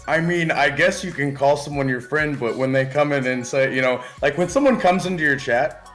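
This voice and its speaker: A man's voice: on the high side, moderate pace, a bit bright, faint music behind. A young man chatting casually on a livestream like a frat bro, with slang and free swearing. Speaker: gaming streamer.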